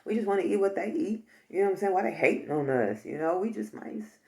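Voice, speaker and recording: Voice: medium pitch, expressive, quick pace, mellow, voice pushed up, lightly acted. A person voicing a gang of cocky, street-talking house mice with slangy, boastful swagger. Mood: indignant.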